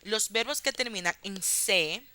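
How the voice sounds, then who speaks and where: A woman teaches an English grammar lesson. She speaks slowly, in a patient step-by-step way, and pads her explanations with small fillers. Her voice is bright and smooth. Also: medium pitch.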